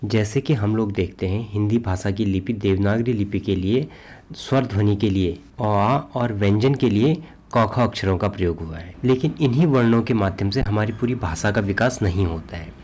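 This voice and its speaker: Husky low-voiced male Hindi teacher. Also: normal speed, faint music behind. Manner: steady, explanatory, reads out examples. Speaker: exam coaching teacher. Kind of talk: explanatory Hindi lesson.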